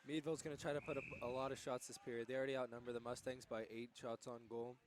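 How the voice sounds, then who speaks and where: Fast-talking young male hockey commentator. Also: medium pitch, a little hiss or hum. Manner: quick, excited reactions to plays. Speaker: color commentator. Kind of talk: student sports commentary.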